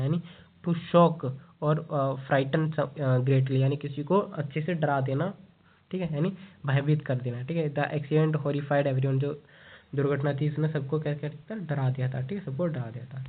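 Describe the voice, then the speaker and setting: A man teaching exam vocabulary in a fairly high voice, going over each word patiently. He reads the English example sentences slowly and keeps repeating a checking phrase. The sound is thin and tinny, like a phone line. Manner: repeats "ठीक है" and "उसको क्या बोलते हैं?" often.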